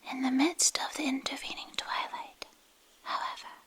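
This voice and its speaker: A woman with a high, steady voice whispers a literary fantasy story as ASMR, keeping it breathy, hushed and intimate with pauses between short phrases. She is recorded up close on an ear-to-ear binaural microphone.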